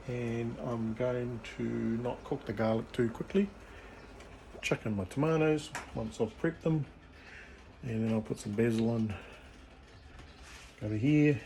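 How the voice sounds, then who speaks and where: Man, New Zealand accent, medium pitch, casual cooking demo, hesitant thinking aloud, noisy kitchen recording. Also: dark tone. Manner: informal, hesitant, thinking aloud while working. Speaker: home cook presenting a cooking video. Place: home kitchen.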